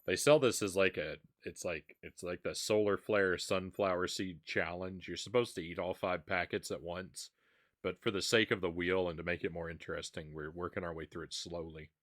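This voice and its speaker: A man with a deep, low voice hosts a live stream in a relaxed, chatty way. He talks with his audience between bites, letting out sighs as the heat builds. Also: moderate pace. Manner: chatty, sighs and reacts while eating spicy seeds. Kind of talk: casual live-stream chat.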